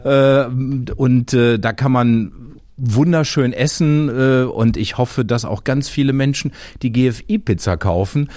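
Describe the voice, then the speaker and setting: A man's voice: medium pitch, a little slow, a little mellow, no room sound. A man hosting an interview podcast, asking friendly, chatty questions with fillers. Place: Christmas market.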